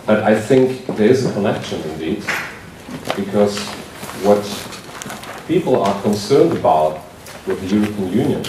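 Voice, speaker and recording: A man with a German accent gives a conference keynote speech. He pauses often and fills the gaps with "uh" and "um". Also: on the low side, animated. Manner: hesitant, many fillers. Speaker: keynote speaker, member of parliament. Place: conference hall. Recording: distant echoey hall recording with background noise.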